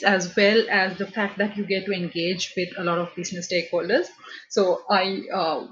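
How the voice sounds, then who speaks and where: A woman's voice: mid-range voice, muffled recording, a little hiss or hum. A woman from Sri Lanka answering interview questions about her career, speaking thoughtfully with many fillers and restarts. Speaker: interview guest, business analyst.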